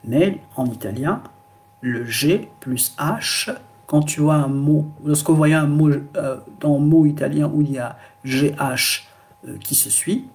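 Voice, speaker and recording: A man teaching a pronunciation lesson in French, explaining slowly with many fillers and repetitions. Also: fairly high pitch, a little mellow. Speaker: language teacher.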